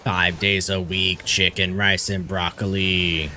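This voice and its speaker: A man's voice: low voice, level tone, slow pace, bright, forceful tone, faint music behind. A man streaming a game, chatting casually and swearing offhandedly. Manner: laid-back, swears casually. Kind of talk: casual chat while gaming.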